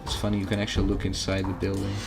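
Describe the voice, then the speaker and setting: A man's voice: low voice, completely flat delivery, racing, creaky, over loud music. A man giving casual gaming commentary as a streamer, talking to viewers while he plays. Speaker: game streamer.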